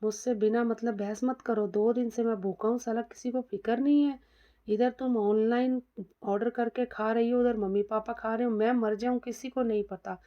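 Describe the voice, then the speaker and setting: A woman voicing an angry, hungry young husband who shouts bitterly, in a dull lo-fi recording. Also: mid-range voice, a little fast, hardly any pauses, close to an everyday voice.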